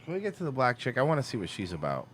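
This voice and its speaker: A man's voice: medium pitch, huge pitch swings, rapid-fire, crowd noise. A man co-hosting a crude comedy podcast, mocking and swearing as he reacts to a video. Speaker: podcast co-host.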